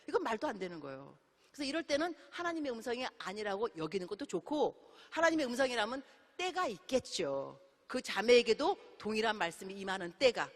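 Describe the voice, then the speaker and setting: A middle-aged woman missionary preaching a sermon in a church, telling stories in an animated way and acting out the dialogue. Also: a little high, fairly quick. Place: church sanctuary. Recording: long hall reverb.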